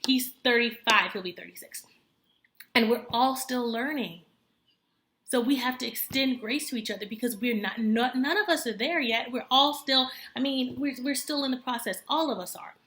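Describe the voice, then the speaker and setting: A homemaker vlogger in her thirties talks casually to camera, earnest and chatty, using many fillers and correcting herself. Her voice is a little high and a bit bright at normal speed, and the room is echoey.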